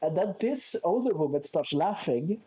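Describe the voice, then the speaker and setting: A man's voice: high-pitched, animated, moderate pace, warm tone, slightly rough, lo-fi sound. A man from Sweden, telling a long anecdote in a casual chat, with self-mocking asides and quoted voices.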